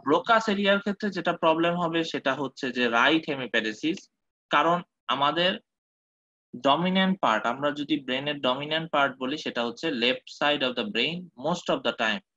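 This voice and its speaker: A man teaching a medical lecture, often pausing to check that his listeners follow and mixing in English terms. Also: on the high side, expressive, pushed and bright, dry recording. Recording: dull, dry close recording.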